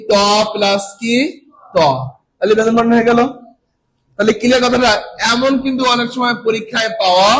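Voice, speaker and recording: A man's voice: sits high, poor audio. A man teaching a classroom lesson who keeps asking his students questions and then answering them himself, stretching out the key words for emphasis. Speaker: coaching teacher. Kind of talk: classroom lecture.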